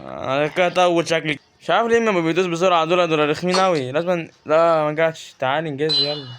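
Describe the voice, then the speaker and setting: Egyptian guy doing a lets play, quick chatty commentary, joking around, slightly high voice. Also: noisy background. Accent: Egyptian Arabic. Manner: chatty, joking, talks to the game's creatures. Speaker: gaming YouTuber. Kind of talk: casual Let's Play commentary.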